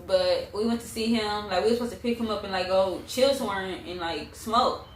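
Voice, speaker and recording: A woman's voice: medium pitch, brisk. A young adult woman telling a personal story in casual, slangy, blunt vlog chat, swearing freely. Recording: roomy echo, distant mic, faint noise.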